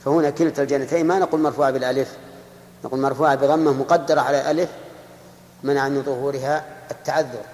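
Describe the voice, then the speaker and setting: A man teaching a grammar lesson to a class. He slows down to dictate verses and examples, quizzes his students and repeats key points. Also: mid-range voice, steady tone, a little mellow. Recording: echoey hall with long reverb.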